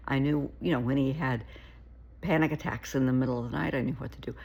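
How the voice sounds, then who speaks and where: A therapist speaks to camera with casual, earnest advice, often pleading and repeating herself. An oncoming cold makes her very deep, darkish voice gravelly and shaky, and she talks fast.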